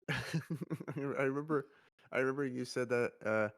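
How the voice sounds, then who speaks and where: A man chatting casually on a stream as an agency head, speaking slowly and halting, with many restarts. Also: medium pitch, gravelly. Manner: halting, restarts and repeats "I remember"; talks slowly. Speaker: agency CEO.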